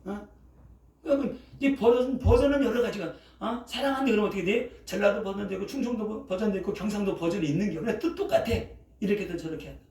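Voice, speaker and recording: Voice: mid-range voice, quick pace, a little mellow. A preacher in their sixties giving a casual, colloquial sermon, constantly checking in with the congregation with a questioning "eh?" and using vivid sound words. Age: 60s. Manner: keeps checking in with the congregation, asking "eh?" after each phrase. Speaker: pastor. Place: church sanctuary. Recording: roomy echo, voice picked up from a distance.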